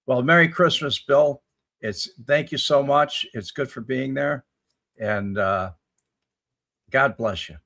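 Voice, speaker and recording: A man's voice: medium pitch, takes it slowly, creaky, pauses often, sharp tone. A man in his seventies hosting a casual live chat, reading viewer comments aloud and answering them in a rambling, folksy way. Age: 70s. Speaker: livestream host answering chat.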